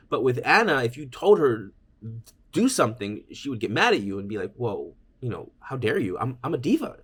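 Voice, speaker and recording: Man, keynote speaker, informal and meandering, lowish voice. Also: a bit bright. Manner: informal, meandering, many restarts. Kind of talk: conference keynote.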